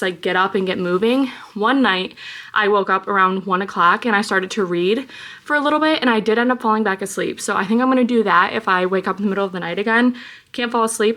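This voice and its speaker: A young woman chats to her camera in a loose, rambling way, full of "like" and "um". She sounds a little out of breath as she goes, and her voice sits at an ordinary middle pitch. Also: a bit bright. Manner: rambling, chatty, filler-heavy. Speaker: vlogger. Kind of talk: casual pregnancy vlog.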